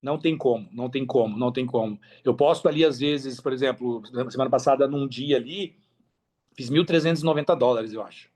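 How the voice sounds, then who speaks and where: A Brazilian affiliate marketer, guesting on a podcast, chats casually in a medium-pitched voice at a slightly fast pace. He's emphatic and slangy, repeats phrases, and tells stories animatedly, acting out quotes.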